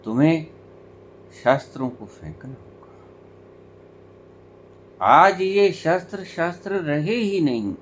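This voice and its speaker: A man giving a spiritual discourse, emphatic and full of rhetorical questions, with deliberate pauses between phrases. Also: fairly high pitch, slight background noise. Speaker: spiritual teacher.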